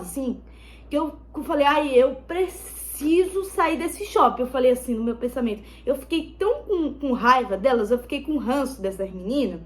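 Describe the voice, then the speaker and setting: Another phone clip from the same vlogger: she rambles through a story while putting on makeup, repeats herself, and keeps addressing her viewers. Her voice is high.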